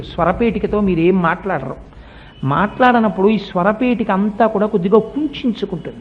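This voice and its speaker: A middle-aged man giving a devotional discourse, explaining at length and chanting mantras slowly. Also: high-pitched, highs cut off. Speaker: religious speaker.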